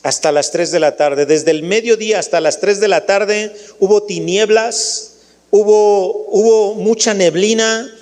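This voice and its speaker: A man with a Mexican Spanish accent delivers a sermon in a high voice, talking straight to his congregation. He restarts phrases as he goes and calls the listeners family. His voice trails off into a long reverb, as if he were in a large church. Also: measured pace, darkish tone. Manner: preaching with many restarts, addresses the congregation as family. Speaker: pastor.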